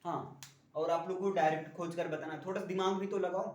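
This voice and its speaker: A man's voice: high-pitched, fairly even intonation, brisk, darkish tone. A man teaching a classroom spelling lesson, drilling his students with repeated questions. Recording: echoey room, voice from far off.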